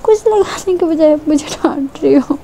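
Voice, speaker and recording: A wailing young girl, put on by a woman storyteller, her voice pushed up high and thin over a soft, mellow tone. She whines and pleads, stubborn to the end. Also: normal speed, a little hiss or hum. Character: crying girl, whiny and stubborn.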